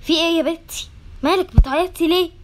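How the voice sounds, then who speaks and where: A woman with an Egyptian Arabic accent voicing a calm, motherly female school principal in an animated doll-game story, consoling in a lowered, soft voice. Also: quick pace, heavy background noise. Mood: soothing. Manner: soothing and motherly, with a firm edge.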